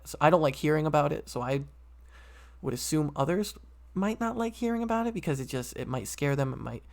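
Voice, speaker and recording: Gravelly young man rambling on a podcast. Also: on the high side. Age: late teens. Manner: rambling, many fillers and restarts. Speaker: podcast host. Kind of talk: casual solo podcast talk.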